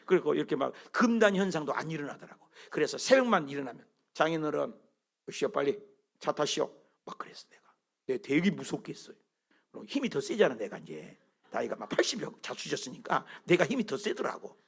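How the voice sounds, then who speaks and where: Male pastor, middle-aged, sermon, animated storytelling, swooping intonation, gravelly. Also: on the high side, fast. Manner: animated storytelling, questions to the congregation.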